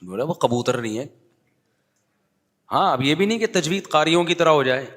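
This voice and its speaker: A man's voice: on the high side, animated, a bit bright. A middle-aged male preacher giving a conversational sermon that wanders into asides and quoted verses. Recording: long hall reverb.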